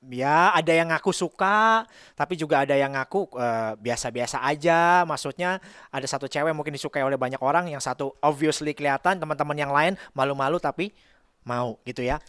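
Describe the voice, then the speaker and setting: A man's voice: on the high side, a bit bright, dry recording, studio quality. Chatty, joking male preacher. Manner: chatty and humorous, calls on the congregation. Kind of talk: casual, joking sermon. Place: church service.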